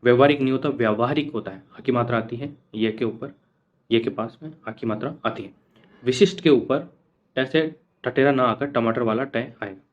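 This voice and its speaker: Guy running an exam prep class, asks then answers himself, mid pitch, kinda dull lo-fi audio. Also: moderate pace. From India. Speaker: teacher. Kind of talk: exam coaching lecture.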